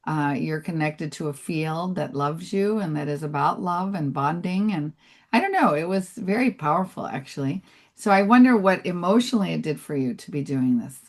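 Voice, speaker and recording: A woman's voice: low voice, animated, moderate pace. A woman hosting an interview, asking questions in a loose, rambling way with many restarts. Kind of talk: conversational interview.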